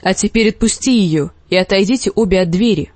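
A woman voicing a calm, scheming middle-aged lord who speaks slowly and soothingly. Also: mid-range voice, dry recording, close to an everyday voice. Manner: slow, measured, soothing.

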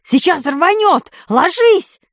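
A woman voicing a blustering, cowardly middle-aged man who shouts in panic and turns to sarcastic cheer, in a storybook reading. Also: lowish voice, slow, dry recording, studio quality. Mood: panicked.

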